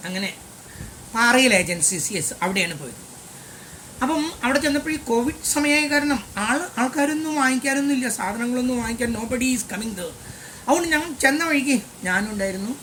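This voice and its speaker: A man's voice: extremely high pitch, bright, forceful tone, slight background noise. An older man, a maths teacher, giving a lesson as a chatty, digressive personal story and slipping in English phrases.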